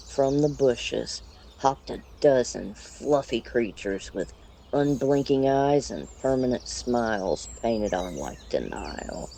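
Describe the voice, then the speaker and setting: A storyteller reads a comic fantasy tale slowly and deliberately. The tone is mellow and dark, the delivery dry and deadpan, with faint nature sounds behind. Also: mid-range voice, slight background noise. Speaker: narrator. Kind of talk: scripted comedic story narration.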